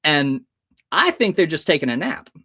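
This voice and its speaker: An American man, early 30s, tells animated personal stories on a podcast, playing out pieces of dialogue with expression. He speaks at a moderate pace in a bright voice on the high side, forceful in tone and swinging widely in pitch.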